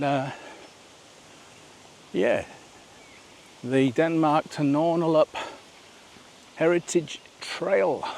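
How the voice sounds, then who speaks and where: A man's voice: mid-range voice, vocal fry, a little mellow, slight background noise. A man narrating a walking vlog outdoors on a rural nature trail, chatty and rambling, asking viewers questions as he goes. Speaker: vlogger.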